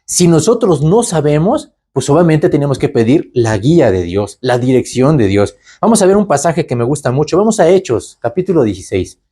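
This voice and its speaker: A man preaching. His voice is dark and a little husky, and it swoops up and down through a wide pitch range. He keeps asking the listeners rhetorical questions. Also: brisk, few pauses. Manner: animated, asks rhetorical questions, tags lines with "¿verdad?". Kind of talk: conversational Bible teaching.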